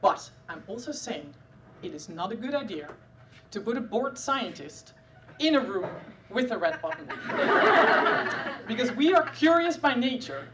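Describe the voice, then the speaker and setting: A neuroscientist from the Netherlands in her thirties, speaking with a Dutch accent, performs live stand-up about her science work, dry and self-deprecating, full of filler sounds. Her slightly high voice is very animated yet unhurried, with frequent pauses, caught on a distant mic with background noise.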